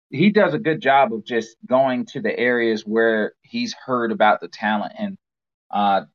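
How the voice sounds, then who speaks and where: A man co-hosting a casual sports podcast, explaining things earnestly with frequent halting restarts. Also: mid-range voice. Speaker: podcast co-host. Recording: muffled lo-fi podcast audio.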